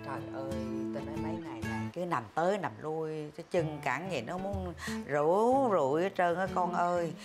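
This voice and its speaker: A woman's voice: sits low, normal speed, hardly any pauses, music in the background, close to an everyday voice. An actress playing a chatty, boastful elderly mother in her sixties, with a Southern Vietnamese accent and frequent exclamations. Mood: complaining. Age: 60s. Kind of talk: sitcom acting.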